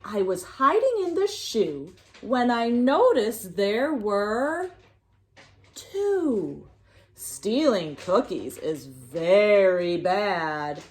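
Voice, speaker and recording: Unhurried and very animated, this woman narrates for young children in a sing-song picture-book style, stopping at times to prompt those listening.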